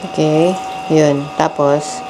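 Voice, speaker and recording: A woman's voice: sits low, little pitch movement, takes it slowly. A woman filming a family travel vlog, narrating casually to camera and chatting with her viewers as she shows a hotel laundry room and a convenience store. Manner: chatty, keeps addressing viewers as guys. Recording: noisy handheld vlog audio.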